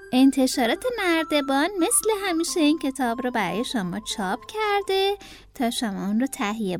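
A young woman reading a picture book aloud to children, speaking to them directly in a sing-song way. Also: sits high. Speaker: children's storyteller.

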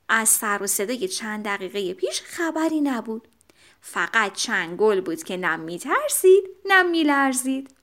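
High, lively woman telling a children's story. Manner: animated, expressive.

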